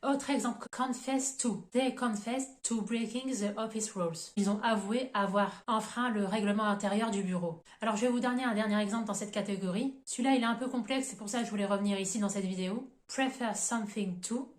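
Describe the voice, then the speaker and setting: A woman giving a methodical grammar lesson on her own channel, spelling out letters and reading example sentences slowly. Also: medium pitch, roomy sound.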